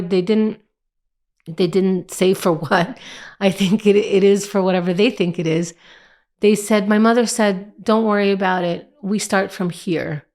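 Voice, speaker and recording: Reflective woman, slightly low voice. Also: a little mellow. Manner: reflective, halting, with many restarts and fillers. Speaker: vlogger. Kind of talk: personal storytelling to camera.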